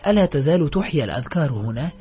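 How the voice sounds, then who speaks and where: A man's voice: a little high, big pitch swings, rapid-fire, warm tone. A man playing a bitter ex-convict, pleading. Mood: hopeful. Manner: pleading, complaining. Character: grown man freshly out of prison, bitter and pleading. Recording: slightly dull recording, faint music.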